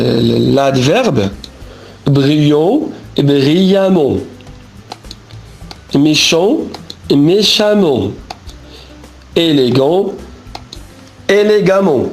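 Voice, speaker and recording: Slow, deliberate male teacher. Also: on the high side. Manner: slow and deliberate, spells out letters, corrects himself. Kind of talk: grammar lesson explaining rules.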